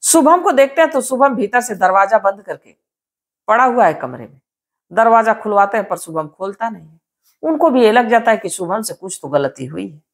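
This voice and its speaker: A woman's voice: medium pitch, sing-song, moderate pace. Chatty woman telling a crime story. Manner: chatty, repetitive fillers. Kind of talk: conversational crime story narration.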